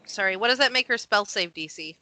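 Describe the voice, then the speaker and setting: Bright-voiced woman running a tabletop game. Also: mid-range voice, rough recording. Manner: animated, laughing, quick asides. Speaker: game master.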